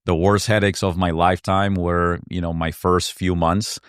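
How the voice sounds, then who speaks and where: A man from Argentina, whose first language is Spanish, speaks with an extremely deep, smooth and resonant voice. He tells his story in an earnest, reflective way, and the sound is close and dry. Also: flat delivery, moderate pace, no echo. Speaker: entrepreneur guest. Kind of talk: conversational interview.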